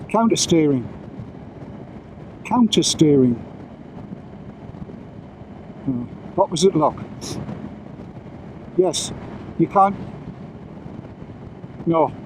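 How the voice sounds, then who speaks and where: A motorcycle vlogger chats casually while riding on outdoor roads, rambling and tossing in self-mocking asides. His voice is on the high side and a little mellow, and the low-quality recording carries a slight hiss or hum.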